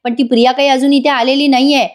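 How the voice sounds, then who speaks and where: A sly older crony, as a woman narrator puts him on talks in an offhand, knowing way. The voice sits high for a man. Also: little pitch movement, fast, close to an everyday voice.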